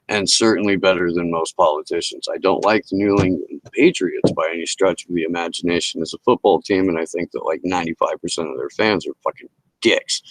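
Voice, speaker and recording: A man's voice: low-pitched, no room sound, rough recording. A middle-aged man hosting a livestream, ranting casually and profanely into a headset mic. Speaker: livestream host.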